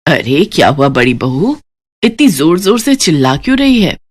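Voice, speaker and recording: A woman voicing a stern older mother-in-law in a cartoon story, speaking slowly and scolding. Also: sits low, very animated, voice pushed down. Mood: worried.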